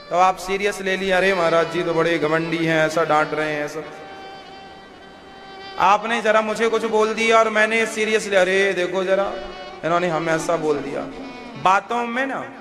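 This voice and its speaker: A male spiritual preacher giving a devotional sermon in a homely, coaxing way, drawing answers from his listeners. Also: sits high. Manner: homely, coaxing talk that draws answers from the crowd. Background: violin music.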